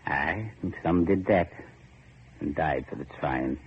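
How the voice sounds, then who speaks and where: A bass-voiced man, speaking slowly with a breathy edge and heavy acting, voices a bitter, grim island factory overseer in 1930s-40s radio horror. His speech is dour, ominous, and archaically rustic, full of "aye" and "ain't". The old radio audio sounds muffled and noisy.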